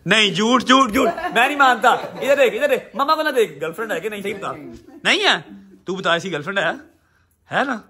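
A man's voice: high voice, lively intonation, brisk, a crowd in the background. Teasing man. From Pakistan. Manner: warm, teasing, emphatic. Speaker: vlogger. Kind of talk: casual family vlog talk.

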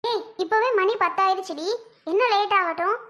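A woman's voice: extremely high pitch, normal speed, fairly bright tone. A woman playing a mother who nags her pregnant daughter to eat, insistent and scolding, in a family drama skit. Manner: nagging, insistent.

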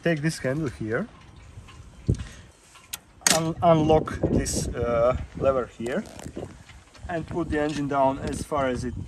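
Speaking slowly and pausing often in a fairly high voice, this man is a Croatian yacht charter guide whose first language is Croatian. Outdoors on a sailboat deck in a marina, he walks through a hands-on boat tutorial, restarting his plain instructions as he works the gear, while heavy wind roars across the outdoor microphone.

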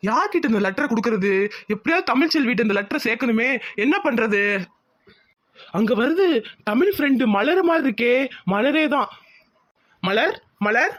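A man's voice: very high voice, lively intonation, normal speed, long pauses, a bit bright, full character voice. A man voicing a lovesick young village man in a cartoon, pleading and worried.

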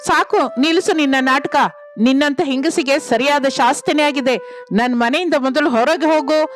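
Young wife, angry, scolding, high voice, storybook, woman voicing. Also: normal speed, faint music behind, lightly acted.

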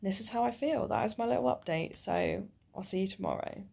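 A woman's voice: mid-range voice, brisk, vocal fry, warm tone, a little hiss or hum. A woman in her twenties talking casually to her video diary, tired and nauseous, speaking wearily with a sore jaw after dental surgery. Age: 20s. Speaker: vlogger. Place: small living room or bedroom at home.

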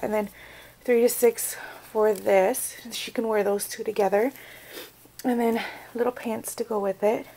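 A woman's voice: fairly high pitch, dark tone, slight background noise, poor audio. A young American woman chatting casually in a vlog, rambling with lots of fillers. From United States. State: out of breath. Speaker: vlogger.

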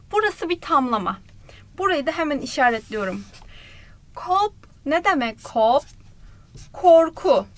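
Woman, high-pitched, lively language teacher walking viewers through lyrics piece by piece. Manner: lively and explanatory, addressing viewers directly; breaks Korean phrases into parts, repeating them slowly. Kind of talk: explaining song lyrics in an online lesson.

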